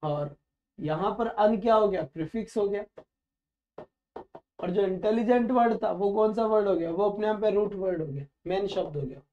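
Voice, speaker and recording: In a muffled recording, a high-voiced man speaking at a moderate pace leads a live vocabulary lesson online. His method is to ask a question and then supply the answer, affectionately addressing the students as "beta" while he teaches.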